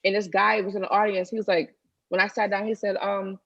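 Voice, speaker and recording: Animated woman telling her story, lo-fi. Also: medium pitch, fairly quick, gravelly, no room sound. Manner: animated storytelling, spiritual testimony. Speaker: guest singer. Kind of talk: casual interview chat.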